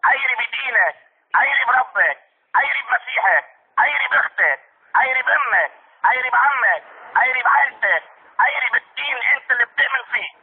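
A man's voice: extremely high pitch, expressive, fast talker, breathy edge, exaggerated voice. A man with a Lebanese accent putting on a hot-tempered, foul-mouthed man in a prank phone call, repeating himself and hurling insults. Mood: raging. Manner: repetitive, insistent, hurling insults. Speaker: prank caller. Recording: tinny phone line.

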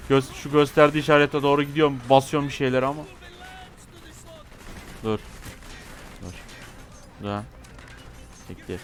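A Turkish-accented man plays a war shooter at home on a desk mic, cursing and yelling battle cries as the fighting heats up. His voice sits at an ordinary male pitch. His commentary is loud, rough and profane. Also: normal speed, long pauses, soft background music. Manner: swearing, shouting battle cries at the screen. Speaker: gameplay commentator.

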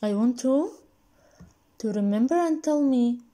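Slow, patient woman teaching English. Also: high-pitched, expressive, warm tone. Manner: patient, has pupils repeat after her. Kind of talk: slow, repetitive drilling for young pupils. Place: indoors at a laptop desk, voice-over on screen recording.

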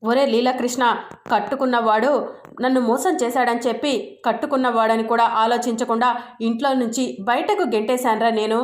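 A woman's voice: fairly high pitch, steady tone, fairly quick, roomy sound, natural voice. A woman reading as a stern old grandmother. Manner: reads the lines in her own narrating voice.

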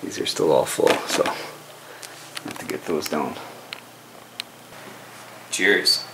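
A man's voice: very deep voice, slow pace, background noise. A man in his thirties casually vlogging at home, chatty and a bit grumbly. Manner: laid-back, chatty, mildly grumbling. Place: home kitchen and living room. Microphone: camera mic.

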